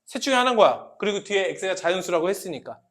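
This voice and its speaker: A man's voice: sits high, very animated, fast talker, fairly bright tone. A man teaching a math class, often asking students questions and repeating key points as he explains. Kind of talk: classroom lecture.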